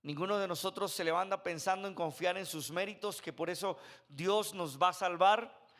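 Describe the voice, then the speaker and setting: A man's voice: sits high, moderate pace, fairly bright tone. A man, preaching a sermon in a church on a handheld mic and telling stories conversationally, with sound effects. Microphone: handheld microphone.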